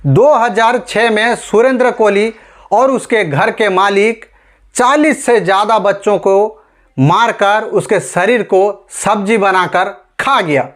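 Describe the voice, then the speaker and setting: Addressing viewers as friends, a high-pitched Indian man delivers emphatic, scripted news commentary online. Rhetorical questions carry much of his delivery.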